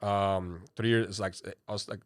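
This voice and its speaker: A Cuban-born man in his thirties talks casually as a podcast guest, his voice sitting a little low. He rambles, leaning on "you know" and "like", and the sound is close and dry with no room echo. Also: fairly even intonation, measured pace. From Cuba. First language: Spanish. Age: 30s. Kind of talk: casual interview talk.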